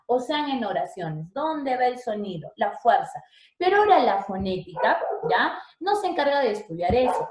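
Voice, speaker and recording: A woman's voice: on the high side, a little mellow. A woman teacher giving a lesson, chatty and checking in with her students often. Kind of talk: online language lesson. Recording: roomy echo.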